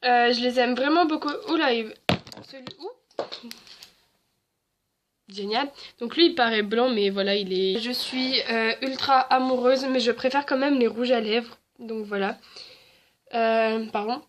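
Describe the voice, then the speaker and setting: Young woman, beauty vlogger, high voice, chatty, fillers and restarts. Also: measured pace, pauses often, background noise. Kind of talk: casual haul and swatch video.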